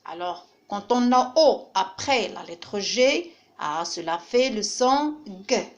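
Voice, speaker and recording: A woman's voice: medium pitch, lively intonation, slow pace, dull audio. A woman teacher giving a reading lesson to young children, patiently repeating each word and splitting it into syllables. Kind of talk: French phonics lesson for children.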